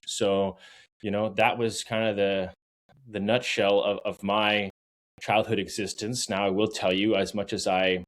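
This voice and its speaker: A young man from New Hampshire, an outfitter and guide, speaking earnestly and a little ramblingly as a first-time podcast guest. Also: fairly low pitch. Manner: earnest, rambling, self-deprecating. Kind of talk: podcast interview.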